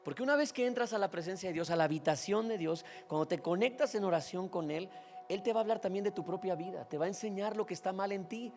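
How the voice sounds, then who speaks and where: A man's voice: high-pitched, quick pace, darkish tone, faint music behind. A male pastor with a Mexican Spanish accent, preaching a sermon in a conversational way and often checking in with his listeners.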